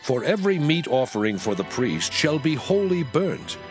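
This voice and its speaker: In a dramatized scripture reading, a male voice actor plays God proclaiming sacred laws to Moses, solemn and commanding. He declaims at a moderate pace with big, sweeping pitch swings, and background music plays beneath his voice.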